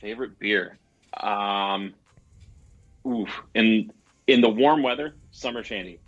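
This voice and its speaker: A man's voice: fairly low pitch, takes it slowly, lo-fi sound. A man in his thirties from the Detroit area, a podcast guest chatting casually and making self-mocking jokes. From Michigan, Detroit area. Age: 30s. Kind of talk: casual chat.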